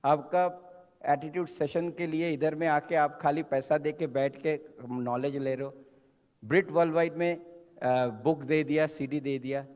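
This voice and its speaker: A man's voice: on the high side, fairly even intonation, measured pace, a little mellow. A man giving an emphatic motivational seminar talk, switching between Hindi and English and acting out quotes. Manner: emphatic, preacher-like exhortation. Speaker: motivational speaker at a business seminar. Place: large hall. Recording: long hall reverb.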